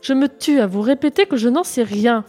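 A woman's voice: a little high, expressive, brisk, a little mellow. A woman voicing a defiant little girl who insists on her innocence, over faint music. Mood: insistent.

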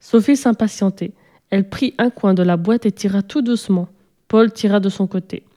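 Woman narrator, children's story read aloud, mellow dark tone, mid pitch, steady and even. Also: normal speed.

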